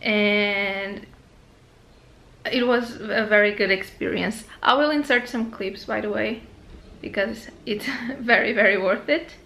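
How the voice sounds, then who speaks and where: A young woman with a Portuguese accent and a gravelly, mid-range voice talks a little slowly into a handheld camera at arm's length. She's a travel vlogger chatting casually from a hotel room and her living room, prone to going off on tangents, with background noise in the recording.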